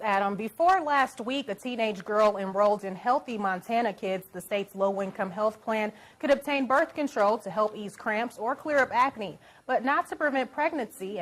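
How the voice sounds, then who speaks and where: A woman news anchor, reading scripted news in a steady, formal way. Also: medium pitch.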